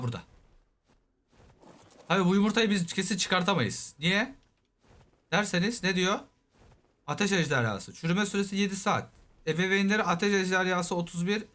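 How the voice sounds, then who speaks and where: Young male let's-play host, high and chatty, excitable running commentary. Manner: chatty, talks to himself and his game animal, excitable. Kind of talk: casual game commentary.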